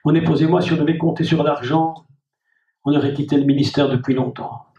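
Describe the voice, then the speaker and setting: A man's voice: on the high side, fairly even intonation, fairly quick, creaky, warm tone. A man preaching a sermon as pastor, repeating key phrases and speaking directly to the congregation. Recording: dull, echoey hall recording from a distant mic.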